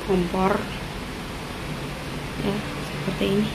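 A young Indonesian woman with a mid-range voice chats her way through a casual tour of her employer's apartment in Taiwan, filming on a handheld phone as she walks from room to room. Her delivery is flat and slow, she keeps repeating "seven seperti ini" and often drops to a near whisper, and heavy background noise fills the indoor recording.

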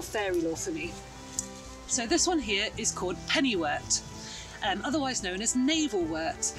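A woman in her thirties, a foraging teacher, chats enthusiastically about wild plants during an outdoor lesson in a hedgerow lane and woods. She has a mid-range voice, picked up by a distant mic in a rough recording.

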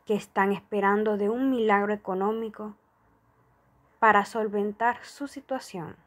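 A woman reading a prayer and money affirmations aloud in a slow, soft, devotional manner. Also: mid-range voice, fairly even intonation. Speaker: prayer reader.

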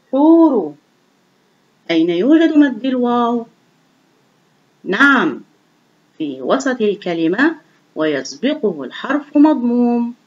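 A woman teaches young children to read, sounding out each letter slowly and clearly. Her voice rises and falls a great deal as she praises and encourages them. The recording is dull and lo-fi. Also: fairly high pitch. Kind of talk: online reading lesson for young children.

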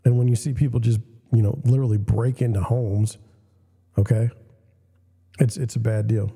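A young man hosting casual commentary with a scratchy, coughing voice. His tone is very dark and mellow, and it rings with a long reverb, as if he is recording in a hall. He gives blunt opinions and often stops to restart his sentences. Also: medium pitch, steady tone, normal speed, creaky, breathy edge. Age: young adult. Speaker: host. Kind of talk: casual commentary reading news and questions.

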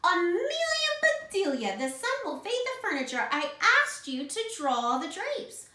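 A woman's voice: lively intonation, moderate pace, pushed and bright, echoey room. A woman voicing a fussy, easily alarmed lady of the house in a storybook reading. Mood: scolding. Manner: shrill, exclaiming.

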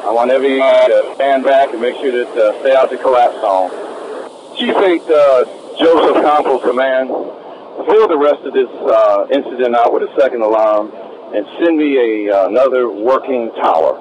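A man commanding a fire scene as chief over two-way radio, giving urgent, terse orders with hesitant pauses. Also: medium pitch. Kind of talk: urgent firefighter radio communication. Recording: noisy fireground radio transmission.

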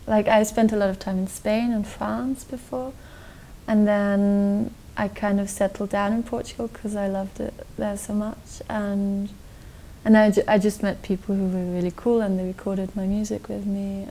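A young woman from Austria answering interview questions in a relaxed, rambling way, full of likes and restarts, recorded in a dark studio. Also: mid-range voice, rough recording. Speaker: guest musician. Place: dark television studio set.

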